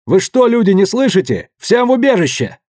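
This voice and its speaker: A man voicing a battered older ship captain, who yells orders and then speaks meekly to his captors. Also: medium pitch, animated, normal speed, no room sound, studio quality, lightly acted. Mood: shouting. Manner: shouting orders, then meek and submissive.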